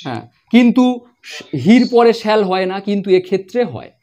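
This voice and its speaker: A high-voiced man leads a grammar lesson. He explains each rule step by step, saying example sentences slowly and repeating them. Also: sing-song, mellow. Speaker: English grammar teacher. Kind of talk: spoken grammar lesson at a board.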